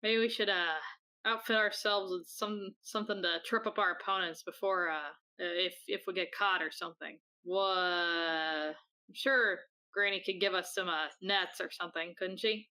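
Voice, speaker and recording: A woman's voice: lowish voice, fairly even intonation, moderate pace, bright, forceful tone. A woman playing in a tabletop game, speaking casually and a bit hesitantly. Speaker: player.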